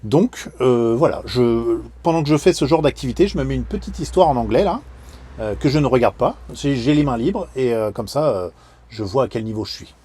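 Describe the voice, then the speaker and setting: A man's voice: mid-range voice, animated, fairly quick, dark tone, husky. A man travel vlogger explaining things casually, hesitant with many fillers.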